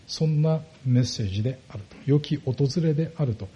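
Man preaching, dark mellow voice. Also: medium pitch, brisk, dull audio. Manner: explains step by step, asks the congregation rhetorical questions. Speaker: pastor. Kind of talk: sermon.

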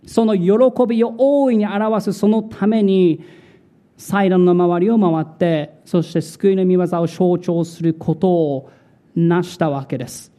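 A male pastor preaching a sermon in a slow, dramatic way, repeating words for emphasis. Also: sits high, steady tone, dark tone.

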